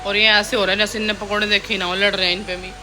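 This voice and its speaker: A woman's voice: medium pitch, flat delivery, racing, background noise. A young woman, a mother, chatting casually in a home vlog and scolding her children now and then. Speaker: vlogger and mother. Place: home kitchen and rooms.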